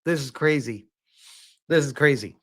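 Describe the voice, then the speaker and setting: With a slightly bright voice on the high side, a streamer talks casually through gaming news on his livestream. Disbelief colors his informal remarks, which come out haltingly, with emphasis and rhetorical questions.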